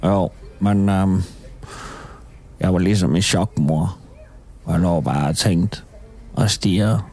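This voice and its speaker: A man's voice: low-pitched, fairly even intonation, darkish tone. A man playing a timid, hesitant adult son in a comedy radio sketch. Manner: hesitant, halting. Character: meek timid adult son, slow and dazed.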